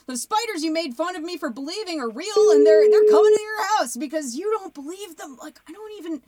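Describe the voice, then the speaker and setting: An actress playing a frantic, profane podcast host who stammers and pleads. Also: female voice, very high-pitched, animated, fairly quick, over a noisy crowd. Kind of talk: audio drama acting.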